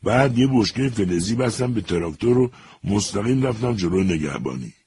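A man voicing a male prisoner who feigns madness, speaking slowly and self-pityingly. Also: fairly low pitch, animated, a little mellow, breathy edge, heavily acted.

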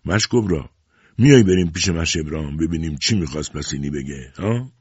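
A man voicing a boastful, meddling middle-aged village man who talks loudly and excitedly. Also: extremely low pitch, husky, no echo, heavily acted. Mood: excited, pushy. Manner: loud, excitable, self-assured. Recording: dull lo-fi recording.

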